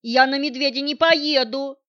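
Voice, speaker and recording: A woman voicing a brash young male soldier, loud and exclaiming, in an audiobook. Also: sits high, slow pace, dry recording. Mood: agitated. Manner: shouted, exclaiming lines. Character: tough young male special-forces soldier, brash and panicky. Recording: dull, dry audiobook recording.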